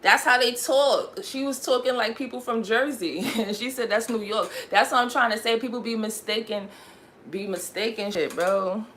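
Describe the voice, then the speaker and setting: A woman's voice: on the high side, normal speed, fairly bright tone, a little hiss or hum. A young woman raised in Connecticut, chatting casually on her livestream in a rambling, slangy way and laughing often. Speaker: livestream host.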